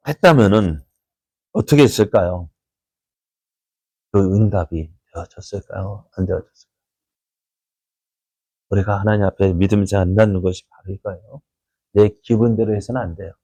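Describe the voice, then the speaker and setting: A man preaching a dawn prayer sermon as pastor, asking his congregation many rhetorical questions and acting out quoted voices in loud bursts. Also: lowish voice, no room sound.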